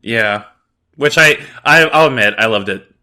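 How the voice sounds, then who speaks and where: A man's voice: medium pitch, unhurried, bright, forceful tone. A man co-hosting a podcast, recapping a show in casual chat with wry, jokey asides and frequent laughter. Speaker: podcast co-host.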